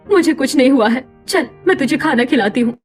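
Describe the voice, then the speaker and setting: Woman doing a meek young cartoon wife, high voice, pleading, soft music behind. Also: expressive, fairly quick. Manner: pleading, gentle. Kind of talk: cartoon story voice acting.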